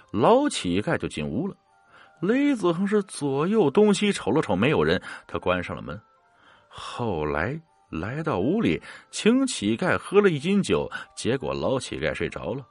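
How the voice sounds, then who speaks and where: A man narrating a scripted ghost story in a dramatic, expressive manner. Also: mid-range voice, no room sound.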